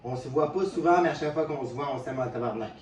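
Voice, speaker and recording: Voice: medium pitch, quick pace, a little mellow. A speaker with a Quebec French accent hosting a drinking game in boisterous, exclamatory banter peppered with swearing. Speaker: host of a drinking-game video. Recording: echoey room, distant mic, faint noise.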